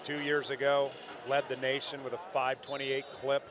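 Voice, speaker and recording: An older man doing lively play-by-play sports commentary, excitable and joking as he calls the action. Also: medium pitch. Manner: excitable, jokey, quick corrections. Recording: broadcast commentary over loud arena crowd.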